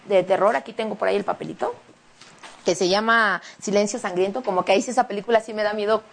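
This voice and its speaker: A woman's voice: mid-range voice, creaky. A woman with a Mexican Spanish accent, a singer and actress chatting emotionally as an interview guest. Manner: chatty and emotional, quick animated retelling. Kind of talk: casual interview chat.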